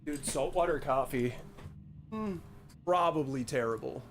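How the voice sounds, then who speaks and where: In a slightly high, unhurried voice, a young man streams a horror game and jokes with his chat, cursing freely and reading the on-screen text out loud as casual gameplay commentary.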